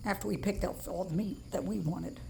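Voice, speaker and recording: A woman's voice: on the low side, brisk, gravelly, background noise. A woman talking casually and affectionately to animals in a folksy way, as if filming at home.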